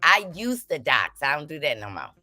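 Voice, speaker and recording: Low-voiced sassy woman. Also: moderate pace, soft background music. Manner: sassy, joking, animated storytelling. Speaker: commentator. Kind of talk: casual panel chat.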